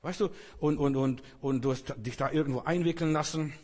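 A man's voice: on the high side, fairly even intonation, fairly quick, a little mellow, big-room sound. A man preaching a sermon in a conversational way, often turning to the listener directly. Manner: conversational, addresses listener with "weißt du".

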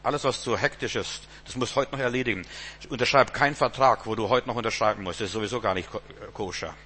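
Bright-voiced man preaching a sermon. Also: mid-range voice, fast talker. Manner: rambling, repeats words, chuckles.

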